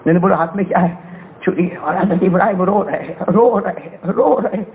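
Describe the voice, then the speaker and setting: Fervent male preacher with a high voice, emotional storytelling sermon that keeps quizzing the crowd, narrow phone-like audio. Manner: fervent, repeatedly quizzes the audience. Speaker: Islamic preacher. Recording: tinny phone-like sound.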